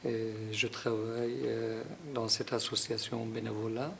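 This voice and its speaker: A man's voice: fairly low pitch, level tone, measured pace, gravelly, a little hiss or hum. A middle-aged Iranian man, a native Persian speaker with a Persian accent, answering interview questions, hesitant with many fillers and growing emphatic. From Iran. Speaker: interviewee, association president.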